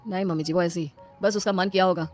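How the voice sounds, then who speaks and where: A woman's voice: on the low side, fairly even intonation, fast, music in the background, lightly acted. A woman voicing a patient young husband in a comic skit, coaxing and mildly exasperated. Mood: pleading.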